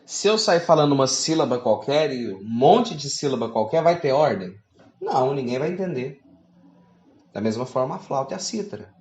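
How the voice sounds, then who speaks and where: A man delivers a teaching sermon with an animated, wide-ranging pitch. He reads scripture aloud and keeps turning to his listeners with pointed rhetorical questions. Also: moderate pace, roomy sound, highs cut off. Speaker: preacher.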